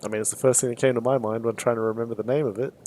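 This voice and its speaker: A relaxed man talks through his moves as he streams a card game. His voice sits at an average pitch for a man. The delivery is loose, chatty and quick to chuckle. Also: soft background music. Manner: relaxed, chatty, muses aloud and chuckles easily. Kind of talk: casual thinking aloud while playing.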